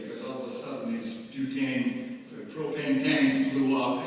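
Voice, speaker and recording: An older American man delivers a eulogy in a folksy storytelling manner, with deliberate pauses and wry anecdotes. His voice is fairly high and bright. It comes from a distance in a big, reverberant, noisy room. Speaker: eulogist at a memorial. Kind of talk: eulogy told as humorous anecdotes. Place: large reverberant indoor room. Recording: echoey hall from far off, loud noise.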